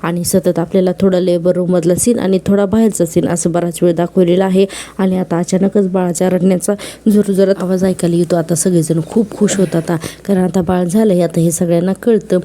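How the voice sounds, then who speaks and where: A woman's voice: fairly low pitch, steady tone, a little fast, dark tone. A woman casually retelling a TV serial episode, quoting the characters in her own voice as she goes. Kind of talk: casual narrated recap.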